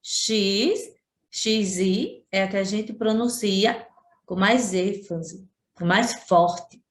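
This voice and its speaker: A woman's voice: medium pitch, fairly even intonation, slow pace. A woman teacher from Sergipe with a Brazilian Portuguese accent, giving a remote class lesson and patiently repeating and stressing syllables. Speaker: schoolteacher. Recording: roomy echo.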